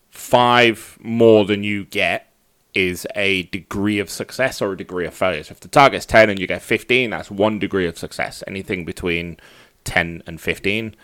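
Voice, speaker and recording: A man's voice: low-pitched, a bit bright. A man speaking informally as a game master, casually explaining the tabletop game to his players.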